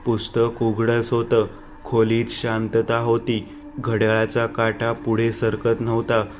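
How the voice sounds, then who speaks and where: A man narrating a scripted horror story in a slow, flat and ominous way. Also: mid-range voice, a little hiss or hum.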